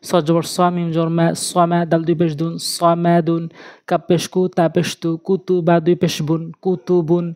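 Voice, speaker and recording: A man teaching Quran reading, spelling out syllables in a slow, sing-song drill. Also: on the high side, completely flat delivery, mellow, dry recording.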